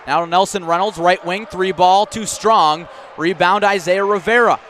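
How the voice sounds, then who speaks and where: A male announcer calls a basketball game on live radio in a fairly high, somewhat bright voice at a moderate pace. His clipped running description rises on big plays, over faint gym noise and bouncing balls.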